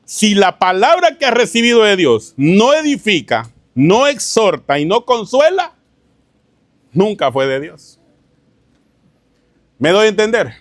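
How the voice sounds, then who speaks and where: A man's voice: high voice, very animated, unhurried, pauses often, no echo, clean studio sound. A male pastor preaching a sermon, often asking his congregation rhetorical questions and calling them brother. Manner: tells anecdotes with a chuckle, informal preaching. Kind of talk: sermon teaching.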